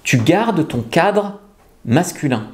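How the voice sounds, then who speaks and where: A man giving dating advice straight to camera, with a lively voice that swings up and down in pitch. He is blunt and emphatic, and sometimes acts out nervous or confident pickup lines. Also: slow. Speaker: seduction coach. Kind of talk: direct-to-camera advice video.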